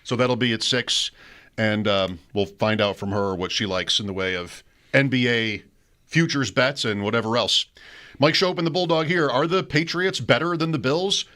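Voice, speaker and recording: Smooth-voiced male sports radio host. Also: mid-range voice, moderate pace, sharp tone. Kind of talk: sports talk radio show.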